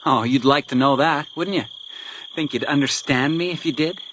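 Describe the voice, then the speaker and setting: Insects fill the noisy nighttime outdoor backdrop as a man with a natural, slightly high and somewhat bright voice plays a bitter, vengeful brother in grief for a detective radio drama. He taunts with cruel, theatrical menace, turning measured and deliberate whenever he reads letters aloud.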